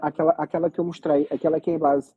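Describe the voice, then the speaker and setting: A man's voice: a little high, flat delivery, racing, mellow, slightly rough, no echo, dull audio. A man with a European Portuguese accent explaining things in a casual discussion, often repeating phrases and checking that listeners follow. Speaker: panelist explaining technology.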